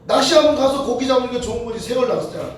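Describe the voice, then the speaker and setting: A high-pitched woman delivers a sermon. She tells stories fervently, with sudden shouts. She is heard from a distance in a very echoey church hall with faint noise behind her. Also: rapid-fire. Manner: fervent, swings between shouted prayer and quiet storytelling. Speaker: preacher. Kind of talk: sermon with storytelling.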